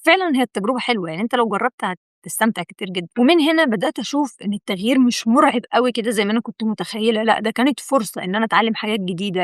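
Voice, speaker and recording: A woman's voice: mid-range voice, dry recording, studio quality. A young woman with an Egyptian Arabic accent, hosting her own video and giving a chatty, encouraging motivational talk straight to the viewer, repeating words for emphasis. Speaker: video host.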